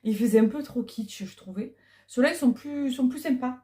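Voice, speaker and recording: Talkative woman unboxing stuff, kinda high voice, lots of ums, clip-on mic. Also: fairly quick, dark tone. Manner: chatty, hesitant, many fillers. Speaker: vlogger. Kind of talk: casual unboxing chat. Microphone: clip-on lapel mic.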